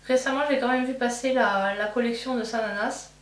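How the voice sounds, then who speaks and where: In an echoey room with a faint hum, a beauty vlogger talks from off-mic at a distance while doing her makeup. Her fairly high voice moves fairly quickly, with fairly even intonation. The chat is casual and rambling, as she thinks aloud with plenty of fillers, restarts, and self-corrections.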